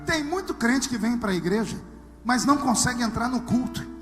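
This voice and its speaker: High-voiced man preaching in a hall. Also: animated, normal speed. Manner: dramatic swings from hushed asides to shouted lines; humorous storytelling. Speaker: pastor. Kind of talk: live preaching to a congregation. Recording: long hall reverb with music underneath.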